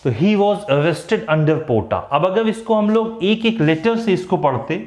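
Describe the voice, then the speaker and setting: A man with a Hindi accent teaching English grammar in a classroom-style lecture, mixing Hindi and English and slowing down to spell out the English example phrases. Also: sits high, expressive, a little mellow. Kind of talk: classroom lecture for exam students. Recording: echoey room.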